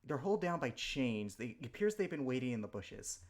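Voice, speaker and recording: A man's voice: mid-range voice, big pitch swings, brisk. A man running a tabletop game as game master, narrating scenes and rules in a casual way.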